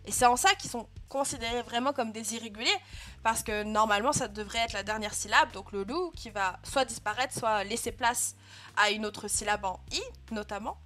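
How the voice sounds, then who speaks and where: A young woman leads a live online class and walks her students patiently through grammar, pausing to check in with them. Her voice is bright and sits a little high. Soft music plays faintly underneath. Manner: patient, clear explaining with frequent "euh" and "hein" checks. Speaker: Japanese teacher. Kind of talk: live online language lesson.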